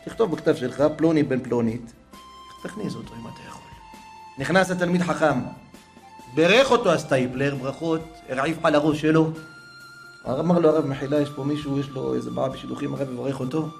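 Male preacher, slightly high voice, dramatic storyteller, soft music underneath. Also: vocal fry. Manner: dramatic, swings from hushed to raised voice. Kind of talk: religious storytelling.

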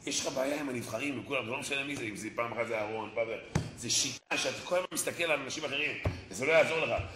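A man giving a Torah sermon, animated, acting out dialogue and mimicking people. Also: medium pitch. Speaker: rabbi. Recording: echoey room, faint noise.

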